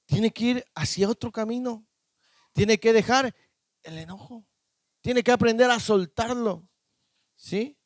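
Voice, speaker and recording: Pastor, male, high voice, close dry sound, preaching with call-and-response questions. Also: dry recording. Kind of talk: sermon. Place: church.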